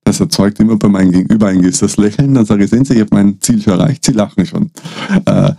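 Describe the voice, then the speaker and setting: A middle-aged man telling stories as a podcast guest, halting with frequent restarts and fillers. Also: lowish voice, warm tone, no echo. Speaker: guest, data protection consultant. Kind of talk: casual podcast storytelling.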